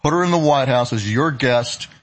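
A man's voice: medium pitch, normal speed. A man hosting a political talk show, conversational, with casual, punchy phrasing.

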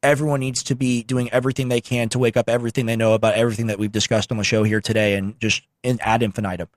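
A man's voice: mid-range voice, little pitch movement, very fast, no echo, clean studio sound. A man hosting a call-in show, giving emphatic, informal, opinionated political commentary.

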